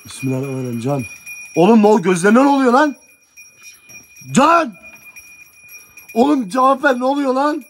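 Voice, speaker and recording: A man's voice: very high-pitched, lively intonation, measured pace, pauses often, a little hiss or hum. A young man on a night ghost-hunting vlog, frightened and pleading, muttering prayers under his breath. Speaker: treasure-hunting vlogger. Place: abandoned village outdoors at night.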